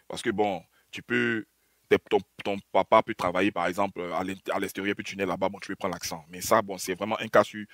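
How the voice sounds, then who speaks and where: A man's voice: medium pitch, a bit bright, no room sound. A man with an Ivorian French accent giving heated political commentary to viewers, mocking, firing rhetorical questions and restarting his sentences. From Côte d'Ivoire. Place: abroad, in a developed country.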